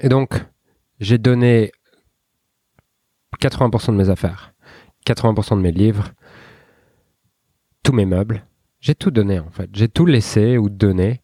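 Low-voiced man with a loose podcast monologue. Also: measured pace, pauses often, dark tone, dry recording, studio quality. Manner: informal, loose, with many restarts and fillers, addressing the listener as tu. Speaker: podcast host. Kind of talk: casual spoken podcast monologue.

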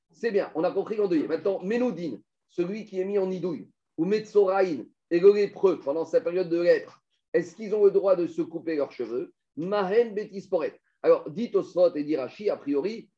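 Male Talmud teacher, high mellow voice, questioning style, dull lo-fi recording. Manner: explains step by step, asks students questions. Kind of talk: Talmud class.

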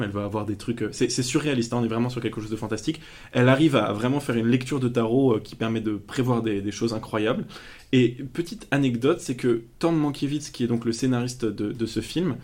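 Male podcast co-host, average pitch, loose anecdotal storyteller who jokes around. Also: a little mellow. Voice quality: storytelling manner with frequent fillers and jokes. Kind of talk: casual film podcast chat.

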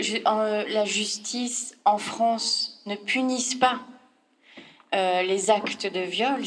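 Woman panelist, slightly high voice, emphatic and explanatory, speaking off the cuff in political debate. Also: fairly bright tone. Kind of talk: unscripted political discussion.

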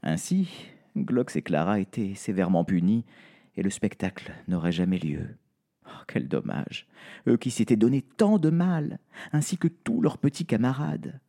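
A man telling a spooky family story aloud, playful and expressive. His voice is mellow and a little husky, with a lively pitch that rises and falls. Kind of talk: reading a story aloud to a child.

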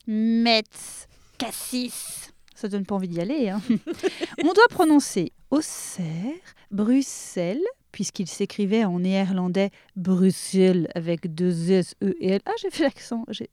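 A woman's voice: medium pitch, a little mellow, no room sound, studio quality. A young woman giving a comic pronunciation lesson in a playful, teasing way, often laughing. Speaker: comic language teacher.

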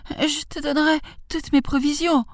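A woman voicing a frail old grandmother in a children's storybook, high and thin. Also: very animated, a little slow, no room sound, clean studio sound. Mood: pleading.

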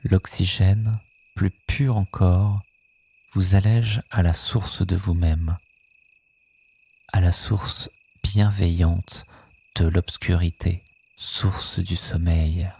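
A sleep meditation guide narrating guided hypnosis in a soothing, hushed manner, softly echoing some phrases. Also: low-pitched, fairly even intonation, very slow, creaky, husky.

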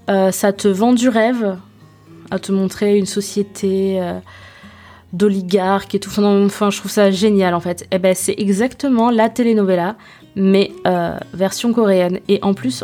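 This chatty solo podcast review features a woman host speaking at medium pitch in a relaxed, mellow voice, with music playing behind her. She's slangy and informal, stumbling a bit as she looks for the right word and making jokes at her own expense.

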